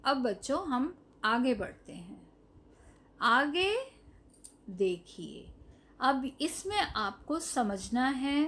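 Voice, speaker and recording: A primary school Hindi teacher with a voice on the high side teaches young children in a recorded lesson. She says each word slowly and in a drawn-out way, repeats it along with its meaning, and asks the children directly to say the word.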